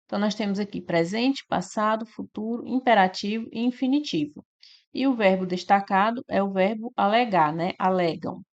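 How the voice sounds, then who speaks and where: A woman's voice: mid-range voice, moderate pace, lo-fi sound. Woman teaching step by step. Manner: explains step by step with many tag questions. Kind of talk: exam-prep lesson.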